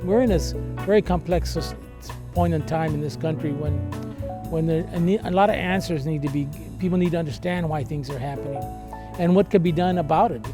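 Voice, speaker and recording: A man who teaches journalism speaks in an interview, halting and restarting as he searches for words. His voice is fairly high. Music plays clearly behind him. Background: background music.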